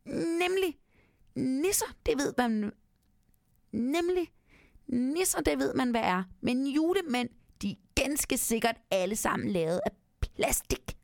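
A woman voicing a tiny, mischievous male Christmas elf in a story reading, with a high little voice that repeats itself. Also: animated, vocal fry, dry recording, studio quality. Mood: smug.

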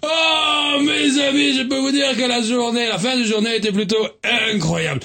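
A man's voice: extremely high pitch, steady tone, fairly quick, fairly bright tone. A man doing a comic monologue on the radio, theatrical and full of swooning sighs. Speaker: radio comedian. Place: radio studio.

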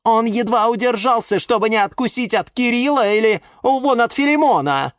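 A man's voice: very high-pitched, expressive, normal speed, no room sound, studio quality, voice pushed up. A man voicing a scornful female orchid in a children's audiobook, with a mocking, interrupting manner. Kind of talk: audiobook character voice.

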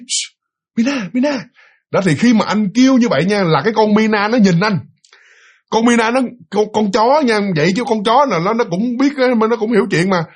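Male storyteller with a high, husky voice, talking fast and animated through a spooky tale. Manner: animated, fast, with many restarts and hesitations. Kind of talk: casual spoken ghost story retelling.

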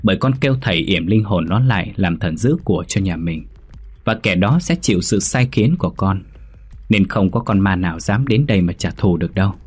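A man's voice: deep voice, a little fast, husky. A man voicing a cruel, arrogant young man who speaks in a mocking, dismissive way. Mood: gloating.

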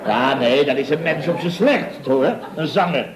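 A man's voice: a little high, lively intonation, normal speed, echoey room, a crowd in the background, close to an everyday voice, low-quality recording. An actor playing a pompous, boastful middle-aged contractor boss in a 1960s radio comedy, rambling through his stories. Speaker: boss of a building firm.

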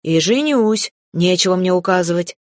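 A woman voicing a hot-tempered young male mage who blusters and shouts indignantly in an audiobook. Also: on the low side, expressive, normal speed, no room sound, studio quality, close to an everyday voice.

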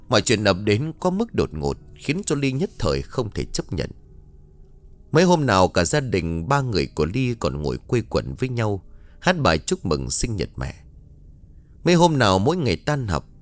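Low-voiced male horror story narrator. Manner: dramatic storytelling. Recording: dry studio voice with faint background music.

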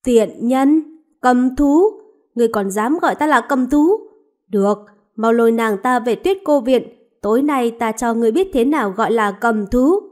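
Woman reads a ruthless young prince, harsh, loud and commanding. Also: on the high side, normal speed, natural voice. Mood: furious. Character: cruel arrogant young prince, a man.

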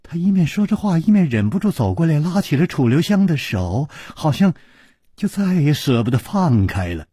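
A man's voice: moderate pace, slightly rough, no room sound, clean studio sound. A man telling a martial-arts story in a vivid traditional storytelling style. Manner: vivid, highly animated.

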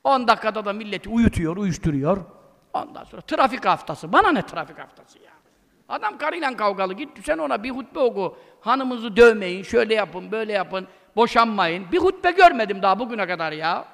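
A male preacher with a very high, bright voice gives an informal religious talk, and he sounds emphatic and scolding. His blunt colloquial outbursts ring out with a long reverb trailing behind them. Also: very animated, fairly quick, vocal fry.

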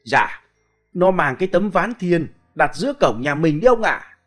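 A man playing a calm young servant girl. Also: a little high, moderate pace, soft background music, pitched above the performer's own voice. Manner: matter-of-fact, polite.

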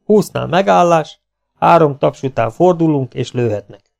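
A man's voice: fairly high pitch, lively intonation, creaky, a little mellow, voice pushed up. A man voicing a cocky, self-assured outlaw gunslinger who taunts his opponents. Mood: mocking. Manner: mocking, self-assured and teasing.

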